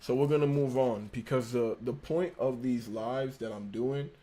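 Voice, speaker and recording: This young American livestream host has a slight lisp and a mid-range, dark, steady voice at a moderate pace. Laid-back and slangy, he reads aloud from an engineering textbook as he studies, stumbling often and rereading lines.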